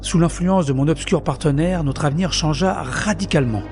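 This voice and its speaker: A man's voice: fairly high pitch, fairly quick, lightly acted. A man narrating his own story in the first person in an audio drama, bitter and introspective. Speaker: narrator and lead character. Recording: soft music underneath.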